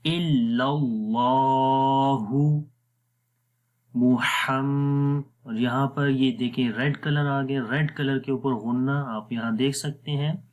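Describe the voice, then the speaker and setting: A man with a Pakistani Urdu accent teaching Quran recitation rules in a patient, explanatory lesson, drawing out words slowly to demonstrate them. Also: mid-range voice, steady tone, dull audio.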